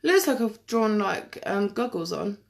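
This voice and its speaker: A woman chatting casually through a live makeup tutorial, self-deprecating and quick to laugh. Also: mid-range voice, expressive, gravelly. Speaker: makeup vlogger.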